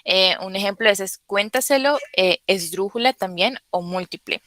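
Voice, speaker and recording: A young woman giving a class presentation over a video call, often pausing on "eh" fillers. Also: mid-range voice, fairly bright tone. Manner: hesitant, many "eh" fillers. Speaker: student presenter.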